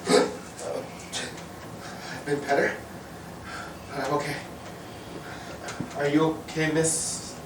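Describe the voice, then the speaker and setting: A man's voice: on the high side, little pitch movement, takes it slowly, pauses often. An actor playing a brave, defiant young man tied up by a kidnapper, earnest in tone, on a live community stage. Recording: distant echoey hall recording, noisy.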